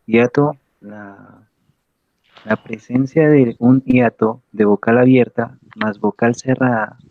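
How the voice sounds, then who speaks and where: Slow student reading over a tinny call. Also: male voice, mid-range voice, dry recording. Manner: hesitant reading with restarts. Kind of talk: reading aloud in class. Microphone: video call. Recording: tinny dry call audio.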